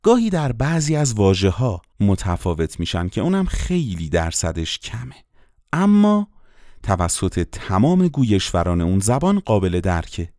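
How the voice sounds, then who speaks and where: Guy with a lowish voice teaching voice actors, really animated, asks questions then answers them, dry sound. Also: no echo. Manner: lively, rhetorical questions, teacherly. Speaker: voice-acting teacher. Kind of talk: explanatory lesson on dialects and accents.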